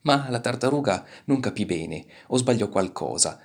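A man reading a children's storybook aloud with animated, expressive delivery. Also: mid-range voice, normal speed, vocal fry. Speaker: narrator.

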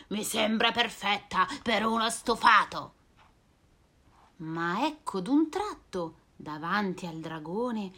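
A woman reading a rhyming children's storybook aloud, expressive and sing-song. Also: fairly high pitch.

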